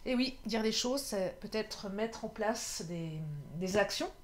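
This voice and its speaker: A woman's voice: medium pitch, slow pace. Chatty woman giving a tarot reading. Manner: chatty, laughs often, frequent filler sounds. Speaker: tarot card reader. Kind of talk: casual tarot reading to viewers.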